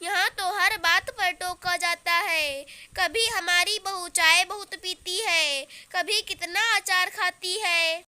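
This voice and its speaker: A young daughter-in-law in a storybook tale, hurt by constant teasing, speaks in a very high, bright voice, as a woman reads her lines. Her words come slowly, pleading at first and later sharp with sarcasm. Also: fairly even intonation, exaggerated voice. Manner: pleading then pointedly sarcastic.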